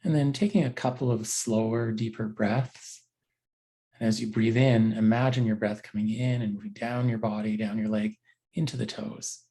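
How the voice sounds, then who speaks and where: In short, gentle phrases separated by unhurried pauses, a teacher guides listeners through a body scan meditation. His voice is fairly low, and his intonation stays fairly even.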